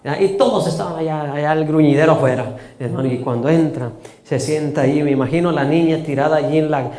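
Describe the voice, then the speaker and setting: A man's voice: a little high, fast talker, mellow. A man preaching, telling stories in a folksy, chuckling way and often addressing his listeners as brothers. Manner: folksy, laughing, keeps saying "hermano". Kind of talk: storytelling sermon.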